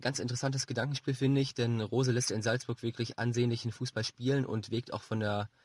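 A man giving football analysis as a pundit, measured and explanatory, feeling his way through phrases. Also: mid-range voice, fairly even intonation, darkish tone, slight background noise. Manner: measured, explanatory, hesitant phrasing with repeated words.

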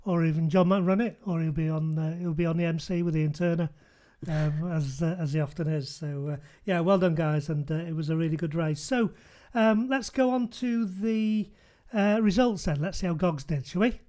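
A chatty man hosts a relaxed podcast conversation, his voice sitting fairly high for a man. His tone is mellow and soft-edged, and he keeps tossing tag questions back to his guest. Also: moderate pace, hardly any pauses. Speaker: podcast host. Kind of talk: casual podcast chat.

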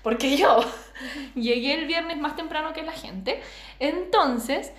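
Young chilean woman, high voice, slangy podcast banter, echoey room. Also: slow. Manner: chatty slangy banter, laughs often. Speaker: podcast co-host. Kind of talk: casual chat. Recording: roomy echo.

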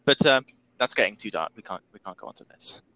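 A man's voice: lowish voice, expressive, fast, sharp tone, no echo, rough recording. A man co-hosting a casual podcast chat, teasing his friend in a playful way. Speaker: podcast co-host.

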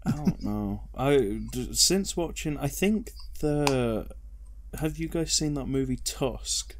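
A man's voice: medium pitch, expressive, slow pace. A young man on a podcast, laid-back and a little hesitant as he tells things in casual chat. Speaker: podcast guest.

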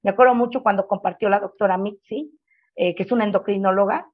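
A woman's voice: mid-range voice, steady tone, fast talker. A middle-aged woman telling her story as a mother, earnest and emotional, looping back with many fillers. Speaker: mother sharing her testimony. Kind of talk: heartfelt personal storytelling. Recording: dull lo-fi sound.

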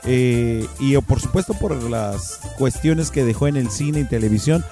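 A man's voice: mid-range voice, expressive, unhurried, warm tone, faint music behind. A man with a Mexican accent hosting a radio show in a casual, slangy, jokey way. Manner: slangy, jokey, often laughing. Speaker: radio host.

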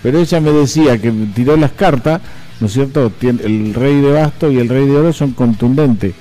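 Mellow-voiced radio comedian. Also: male voice, medium pitch, normal speed, faint music behind. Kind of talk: comic radio chat.

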